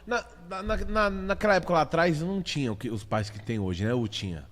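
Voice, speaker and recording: Animated slangy Brazilian man, swinging pitch. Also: fairly quick, long reverb tail. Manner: animated, slangy, acts out voices. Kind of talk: casual podcast chat.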